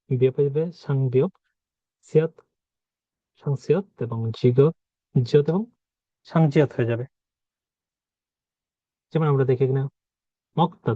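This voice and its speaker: A man's voice: mid-range voice, normal speed, pauses often, no room sound. A man teaching pronunciation, patiently repeating each example word as he explains the rules. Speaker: language teacher. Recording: dry, phone-like narrow sound.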